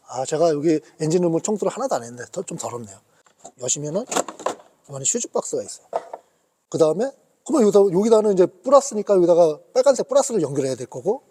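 A man's voice: sits high, darkish tone. A middle-aged man hosting a casual car demonstration, chatty and exclaiming, grumbling at carmakers as he shows the gear. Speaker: car channel host. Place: outdoors in a parking lot beside cars.

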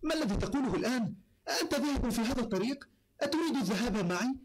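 A man doing a high, questioning character voice. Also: animated, rapid-fire, rough recording. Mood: inquisitive.

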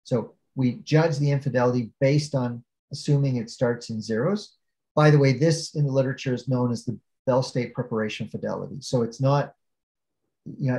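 A man lecturing over a video call from a small room, walking through the material step by step. His voice is low and gravelly, with a mellow, dark tone, and he often pauses on fillers and restarts his sentences. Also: low-quality recording. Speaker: keynote speaker. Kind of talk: academic lecture.

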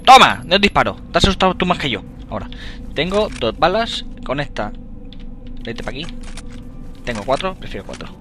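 A young man from Spain talks through a horror game in a let's play, his voice fairly high and leaping all over the place. He gets excitable and swears and shouts at the enemies on screen. A steady hiss of noise sits under the recording. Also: brisk, pauses often. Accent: Spain Spanish. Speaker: gamer.

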